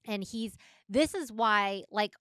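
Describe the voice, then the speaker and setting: A woman co-hosting a podcast in casual chat, agreeable and quick to affirm. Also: mid-range voice, pushed and bright, clear, resonant tone, no echo, clean studio sound. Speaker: podcast co-host.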